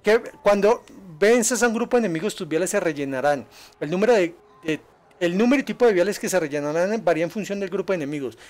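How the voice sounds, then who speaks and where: A man streaming a game live, chatting with viewers and yelping in excitement at enemies. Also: sits high, fast talker, soft background music. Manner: excitable, yelps and laughs at danger, chats with viewers. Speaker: gaming streamer. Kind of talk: live gameplay commentary.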